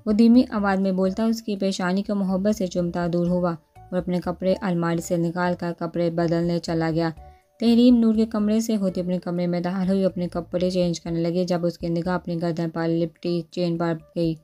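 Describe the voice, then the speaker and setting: Woman narrator, steady novel read-aloud, low pitch, soft music bed. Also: moderate pace. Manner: steady, descriptive. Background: faint background music.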